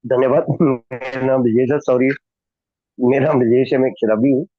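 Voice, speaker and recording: एक आदमी ऑनलाइन समूह बैठक में बोलता है, कमज़ोर कनेक्शन से उसकी आवाज़ टूट-टूट कर आती है और वह रुक-रुक कर, शब्द बीच में छोड़कर बोलता है।. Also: male voice, medium pitch, fairly even intonation, moderate pace, dry recording, phone-quality sound. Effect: breaking voice over a bad call connection. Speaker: recovery group member sharing. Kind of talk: casual online group meeting talk. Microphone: video call.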